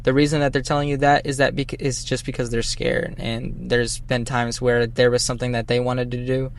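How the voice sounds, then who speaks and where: A man's voice: medium pitch, flat delivery, brisk, a little hiss or hum. A man from Boston, a musician guest on a casual podcast, talking earnestly and rambling, his voice cracking now and then, recorded outdoors on a shirt lapel mic. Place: outdoors at dusk.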